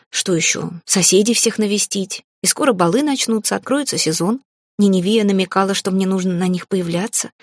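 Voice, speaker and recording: Woman narrator, calm first-person audiobook reading, gravelly, dry close sound. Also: medium pitch, no echo.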